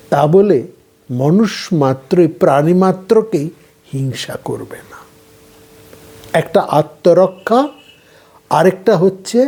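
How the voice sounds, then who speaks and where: Male philosophy lecturer, unhurried, mellow and dark in tone, deliberate phrasing. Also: fairly high pitch. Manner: measured, deliberate, trailing off softly at phrase ends. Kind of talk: slow explanatory lecture.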